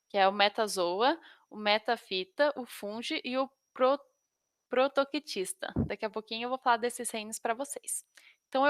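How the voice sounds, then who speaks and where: A woman's voice: fairly high pitch, fairly bright tone, dry recording. A Brazilian woman with a slight tongue-tied lisp, teaching an informal biology lesson to exam students and stumbling over technical terms.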